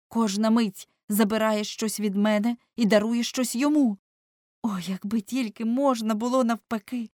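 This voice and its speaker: A woman's voice: medium pitch, darkish tone, no echo, studio quality, pitched above the performer's own voice, natural voice. A woman reading aloud voices a vain, anguished young man who dreads growing old, in impassioned, pleading speech. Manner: impassioned, rising to pleading outbursts.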